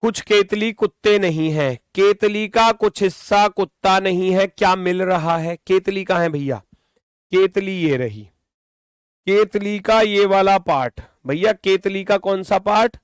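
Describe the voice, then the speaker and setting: A man teaches an online reasoning class in a high, smooth, resonant voice. He goes over each step again and again and scolds his students now and then. The sound is dry and close. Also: unhurried, dry recording. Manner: scolding, repetitive explaining.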